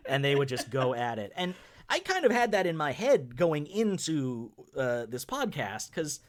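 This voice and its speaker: A man's voice: fairly high pitch, sing-song, a little slow. A man co-hosting a podcast, talking casually and at length about films, often laughing as he talks. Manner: chatty, rambling, laughs while talking. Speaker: podcast co-host. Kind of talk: casual film-review chat.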